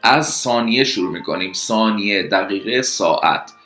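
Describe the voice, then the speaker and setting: A man whose first language is Persian teaches an English lesson, drilling vocabulary slowly and clearly. His voice is bright and forward, in an echoey room with faint music underneath. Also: lowish voice, lively intonation. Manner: slow, clear drilling of words.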